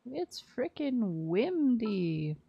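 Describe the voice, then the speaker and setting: A live streamer chats playfully over soft video game music, often murmuring little sound words to herself. Her fairly high voice is very animated yet very slow, with vocal fry; the highs are cut off and there's slight background noise.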